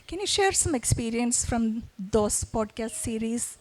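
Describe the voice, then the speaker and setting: A woman's voice: a little high, expressive, a little slow, darkish tone. A woman moderating a panel, asking informal, conversational questions that are loosely phrased. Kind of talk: informal interviewing.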